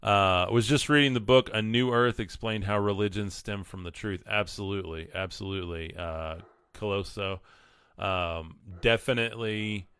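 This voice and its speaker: A man speaks in a deep, smooth voice with a West Texas twang. He hosts a casual livestream, earnest and emphatic, repeating words to drive them home. The sound is close and dry. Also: normal speed, a bit bright, no echo. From West Texas, United States. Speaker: livestream host. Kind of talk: casual livestream monologue with read-out comments and quotes.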